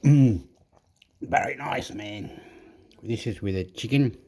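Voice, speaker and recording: Chilean guy rambling thru his cooking vid, mellow voice, flips between english and spanish. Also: fairly low pitch, takes it slowly. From southern Chile. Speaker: cooking vlogger. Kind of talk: casual cooking vlog with pep talk. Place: home kitchen.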